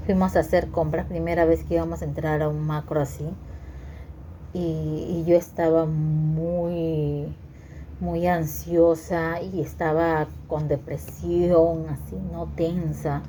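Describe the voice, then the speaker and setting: A woman telling a personal story to her viewers in a halting way, repeating words and using many fillers. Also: low voice, mellow, slight background noise. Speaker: vlogger sharing her story.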